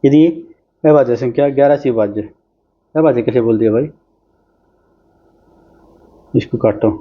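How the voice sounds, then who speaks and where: Through a muffled recording, a mid-range male voice runs an exam-prep math class, talking in a quick, conversational way while solving problems on screen.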